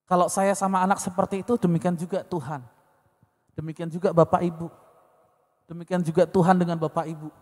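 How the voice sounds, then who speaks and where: High-pitched pastor guy with an indonesian accent, chatty sermon full of family stories, echoey hall. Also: level tone, a little fast, a little mellow. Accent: Indonesian from Medan. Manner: conversational preaching with personal stories.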